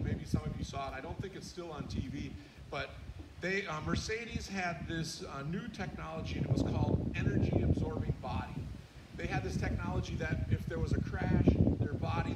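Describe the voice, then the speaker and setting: Guy preaching outdoors, chatty, lots of ums, kinda far off the mic, echo and loud traffic noise. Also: on the high side. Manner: plain-spoken, asks listeners questions, frequent ums. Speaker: pastor preaching. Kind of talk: casual conversational sermon. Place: outdoor church courtyard service. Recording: echoey, distant outdoor sound with loud noise.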